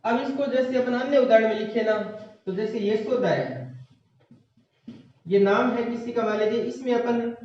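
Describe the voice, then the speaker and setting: A male teacher giving an online Hindi class, dictating slowly step by step for students to copy down. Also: very high-pitched, a little mellow. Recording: distant, echoey, dull lo-fi classroom recording.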